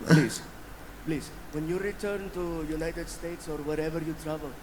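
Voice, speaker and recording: A man's voice: a little high, steady tone, moderate pace, voice pushed down, close to an everyday voice. A comedian doing an earnest pleading man. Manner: pleading, repeats phrases, hesitant fillers. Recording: live stage recording with crowd noise.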